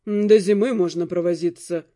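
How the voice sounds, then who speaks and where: A woman's voice: lowish voice, steady tone, moderate pace, dark tone, pitched below the performer's own voice, lightly acted. A woman voicing a laid-back male mercenary who drawls his words, unbothered. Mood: deadpan.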